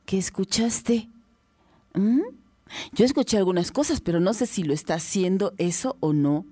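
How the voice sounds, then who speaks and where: A woman's voice: medium pitch, lively intonation, moderate pace, dark tone, husky, no room sound, clean studio sound. A woman hosting a children's radio show from a booth, talking friendly and straight to young listeners. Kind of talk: casual children's radio chat.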